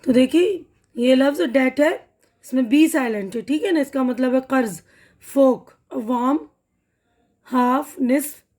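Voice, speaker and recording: High-voiced woman teaching English vocabulary. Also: darkish tone. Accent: Pakistani Urdu. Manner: patient, repeats words slowly, checks in with "theek hai na".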